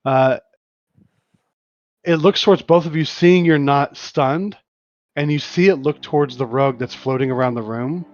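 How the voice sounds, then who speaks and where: A man's voice: on the high side, a little slow, pauses often, no echo. A man narrating as game master in a livestreamed tabletop game, describing scenes with frequent restarts and fillers. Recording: lo-fi stream audio with faint music.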